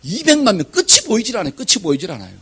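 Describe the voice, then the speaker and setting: Husky, animated Korean pastor preaching. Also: male voice, high-pitched, very fast. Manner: asks the congregation questions and leads scripture reading; lively, animated delivery with shouted examples. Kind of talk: sermon. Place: church sanctuary.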